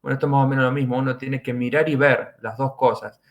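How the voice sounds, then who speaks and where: Gravelly Argentine forensic doctor explaining. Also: male voice, mid-range voice, little pitch movement, fast talker. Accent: Argentine Spanish. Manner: explanatory, repeats key phrases for emphasis. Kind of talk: podcast interview.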